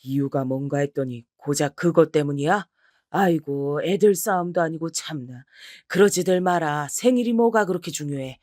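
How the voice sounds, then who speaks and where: A woman's voice: low voice, darkish tone, no room sound, studio quality, close to an everyday voice. A woman voicing an elderly father who scolds and then soothes his daughter in a story reading. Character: elderly father, gruff but caring.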